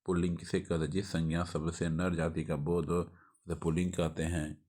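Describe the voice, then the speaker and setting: A man with a Bihari Hindi accent runs through grammar notes for an exam revision lesson. His voice sits very low. He stumbles, restarts, and keeps checking in with a quick "okay" as he reads. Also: flat delivery, darkish tone. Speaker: teacher.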